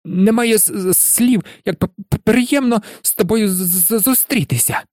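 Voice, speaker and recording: Man voicing a jittery stammering young teacher for an audiobook, pitched up, dry sound. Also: moderate pace, darkish tone, dry recording, close to an everyday voice. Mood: nervous stammer. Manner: stammering, nervous. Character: nervous pale young male professor who stutters.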